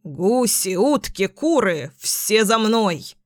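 A woman voicing a bold, bossy male gander in a storybook, with commanding, drawn-out calls. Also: mid-range voice, animated, no echo, clean studio sound.

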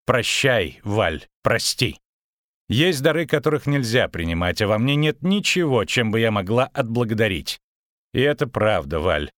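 A man reading an audiobook, voicing a proud, tormented male sorcerer who speaks bitterly and breaks into shouts. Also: lowish voice, very animated, moderate pace, no room sound, clean studio sound. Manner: bitter, agitated, rising to shouts.

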